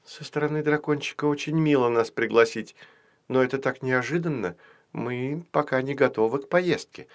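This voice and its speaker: A man voicing a prudent little girl doll in a children's audiobook, speaking softly and carefully. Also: medium pitch, lightly acted.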